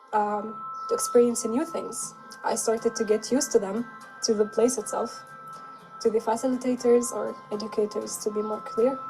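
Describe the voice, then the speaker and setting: A woman's voice: on the high side, rough recording. A woman in her twenties from Sudan giving an earnest, reflective personal testimonial. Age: 20s. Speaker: student in a testimonial video. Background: background music.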